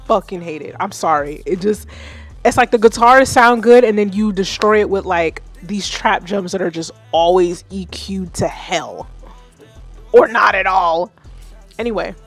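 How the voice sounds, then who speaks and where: Animated woman in her thirties, livestream chat. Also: medium pitch. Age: 30s. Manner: animated, self-mocking, talks to chat. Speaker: livestream host giving music feedback. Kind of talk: casual livestream commentary.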